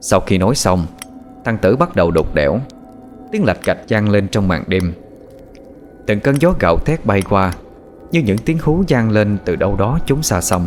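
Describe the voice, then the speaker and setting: A man narrates a scary tale in an expressive, suspenseful way. His voice sits low and moves up and down a lot. Soft music plays faintly beneath him. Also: moderate pace. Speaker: storyteller. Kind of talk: scripted horror story narration.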